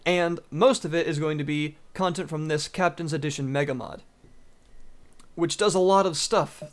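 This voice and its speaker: A man with a slightly high voice hosts a gaming video and talks over his play in a loose, casual way. He sounds keen and rambles with plenty of fillers as he goes. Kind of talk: casual let's-play commentary.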